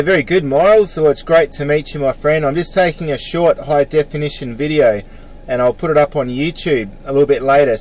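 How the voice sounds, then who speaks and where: The recording is low quality with some hiss or hum. Through it comes a middle-aged Australian radio amateur in relaxed chat, his mid-range voice darkish in tone, full of "mate" and skilled at phonetic call-sign spelling.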